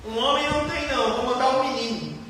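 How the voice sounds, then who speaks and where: High-voiced preaching man in echoey hall. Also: fast talker, a little hiss or hum. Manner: lively preaching with rhetorical questions and acted quotes. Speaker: pastor. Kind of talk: sermon. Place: church hall. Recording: echoey hall from far off, faint ambience.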